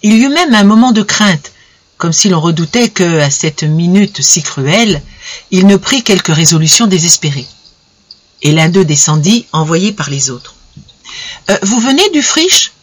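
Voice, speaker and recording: A reader narrating a classic short story in a measured, expressive way. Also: mid-range voice. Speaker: audiobook reader. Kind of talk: literary narration.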